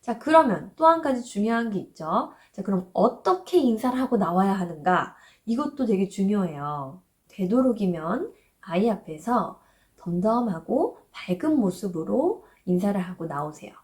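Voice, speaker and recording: Gentle woman giving parenting advice. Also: mid-range voice, big pitch swings, moderate pace. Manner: gentle, reassuring, acts out parents' and children's inner thoughts. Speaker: parenting educator. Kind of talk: explanatory parenting advice talk.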